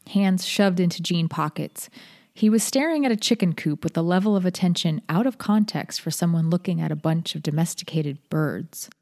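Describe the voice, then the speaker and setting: A woman with a slightly low voice narrates a scripted first-person story as a podcast host. Her delivery is measured and articulate, shaped like careful storytelling. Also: a little mellow.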